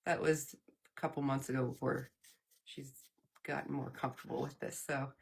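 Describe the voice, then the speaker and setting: A woman's voice: a bass voice, little pitch movement, normal speed, vocal fry, breathy edge, voice pushed down, full character voice. A woman channeling the male god Apollo in a live interview, talking in a loose, jokey way with laughs between phrases. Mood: reflective. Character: playful trickster sun god Apollo, male, cheerful and upbeat.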